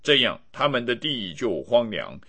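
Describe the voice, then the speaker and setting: Bright-voiced man reading scripture. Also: medium pitch. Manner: steady, measured reading. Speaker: Bible reader.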